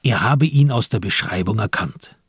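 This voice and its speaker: Husky-voiced male narrator. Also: lowish voice, moderate pace, dry recording, clean studio sound. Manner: even, literary storytelling. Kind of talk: radio play narration.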